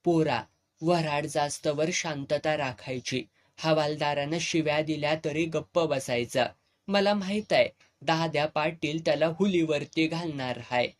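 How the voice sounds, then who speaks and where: A storyteller voicing a blunt, fatherly old village headman who talks gruffly in a rural Marathi village dialect. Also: mid-range voice, lightly acted. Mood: stern. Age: older. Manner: gruff, earthy, commanding.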